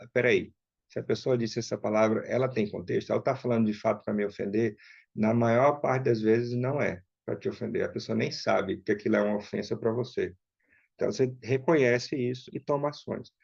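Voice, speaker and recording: Gravelly man leading a casual workshop. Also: mid-range voice, darkish tone, no echo. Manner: conversational, frequent tag questions. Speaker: workshop instructor. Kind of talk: casual online workshop talk. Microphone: online call mic. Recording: dull, dry lo-fi sound.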